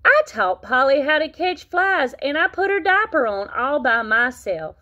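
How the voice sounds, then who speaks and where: Woman doing a bouncy little boy frog, high, lively, exclaiming, storybook voice. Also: takes it slowly, muffled recording, exaggerated voice. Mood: excited. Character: excitable young boy frog, big brother.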